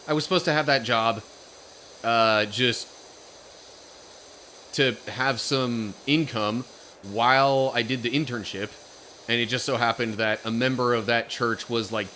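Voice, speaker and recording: Young guy streamer, bright and tense tone, loose rambling storyteller who reads chat aloud. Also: mid-range voice, slight background noise. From Pennsylvania. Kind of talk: casual live-stream chat.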